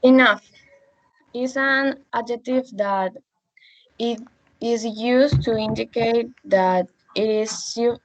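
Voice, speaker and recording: A young woman student giving a class presentation, reading carefully and haltingly. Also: on the high side, no echo. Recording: dry, muffled audio.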